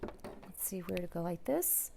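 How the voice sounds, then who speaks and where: A woman's voice: fairly low pitch, animated, a little slow, gravelly, dark tone, a little hiss or hum. A woman teaching a phonics lesson, patiently sounding out letters and words and encouraging her learners.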